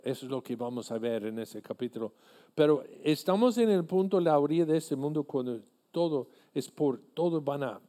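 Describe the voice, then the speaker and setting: Slow, mellow-voiced male preacher. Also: medium pitch. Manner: earnest, deliberate preaching with halting restarts. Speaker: pastor. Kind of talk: sermon.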